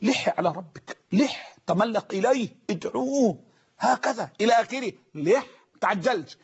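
A man with an Egyptian Arabic accent preaching a sermon, emphatic, repeating phrases and slowly drawing out quoted sayings. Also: sits high, animated, husky. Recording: muffled lo-fi recording.

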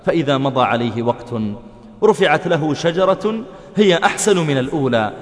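A male preacher tells his story dramatically, acting out the voices within it. His voice sits somewhat high for a man. A long hall reverb surrounds every word. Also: lively intonation, a little fast. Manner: dramatic, voices the quoted speakers, chants verse. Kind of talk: sermon storytelling.

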